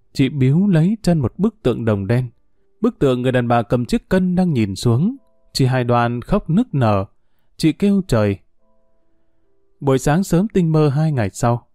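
A man narrating a story in a measured, somber way. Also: mid-range voice, dark tone, no room sound, clean studio sound. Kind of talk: audiobook narration.

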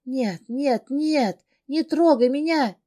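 A woman's voice: on the high side, lively intonation, takes it slowly, a little mellow, pitched above the performer's own voice. A woman voicing a terrified sobbing young woman. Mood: screaming in terror. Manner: screaming, pleading through tears.

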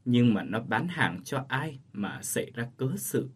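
A man's voice: mid-range voice, expressive, unhurried, husky. A man voicing a grief-stricken older village schoolteacher and father in a read ghost story, speaking in a choked, sorrowful way. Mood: grieving.

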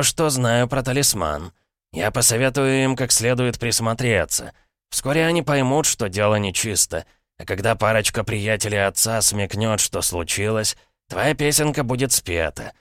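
A man voicing a sly, pompous middle-aged uncle, smooth and mock-courteous, with an ironic tone. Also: fairly low pitch, expressive, measured pace, fairly bright tone, no room sound, clean studio sound, pitched above the performer's own voice. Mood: smug. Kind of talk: audiobook character voice.

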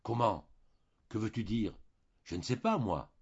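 A man voicing a troubled, gentle young wife who pleads earnestly in a storybook reading. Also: lowish voice, big pitch swings, unhurried, breathy edge, highs cut off, heavily acted. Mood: puzzled.

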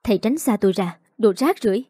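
A woman's voice: mid-range voice, expressive, fast, mellow, husky, no room sound, clean studio sound. A woman voicing a defiant, bitter young female student who pushes back hard.

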